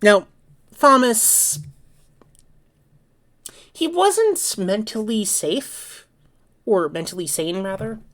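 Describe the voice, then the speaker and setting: A woman's voice: medium pitch, expressive, extremely slow, long pauses, a bit bright. A woman vlogger chatting casually on her own and telling a story, rambling and informal, correcting herself as she goes. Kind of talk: casual solo chat and storytelling.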